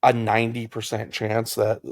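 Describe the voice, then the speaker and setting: Gravelly-voiced young man, rambling and jokey. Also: fairly low pitch, completely flat delivery, normal speed, no echo. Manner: rambling, jokey, trails off mid-thought. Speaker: podcast co-host. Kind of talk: casual chat.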